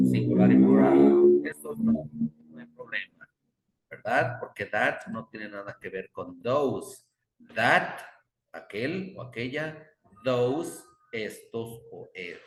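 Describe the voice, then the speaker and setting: Slow low-voiced male teacher, echoey room. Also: noisy background. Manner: repeats example words again and again, patient drilling; stops to correct himself. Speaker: English teacher. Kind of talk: classroom grammar explanation. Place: classroom with students. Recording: roomy classroom echo.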